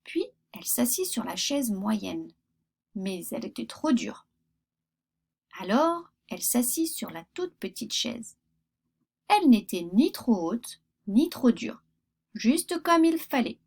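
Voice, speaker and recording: A woman reading a children's fairy tale aloud, expressive with pauses. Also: on the high side, creaky, slightly rough. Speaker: storyteller.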